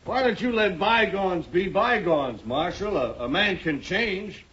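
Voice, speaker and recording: An actor playing a sly, oily gunslinger nursing a grudge, stammering, in a 1950s radio western. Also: male voice, sits high, lively intonation, a little slow, a bit bright, slightly rough, full character voice. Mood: wheedling. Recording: dull, noisy old radio recording.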